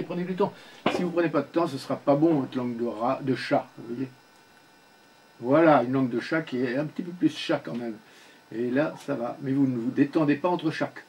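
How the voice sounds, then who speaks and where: Older man, speech therapy coach, patient, short commands, mid-pitched voice. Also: a little mellow, a little hiss or hum, poor audio. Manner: patient, gives short spoken commands, often asks "you see?". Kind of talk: one-on-one coaching session.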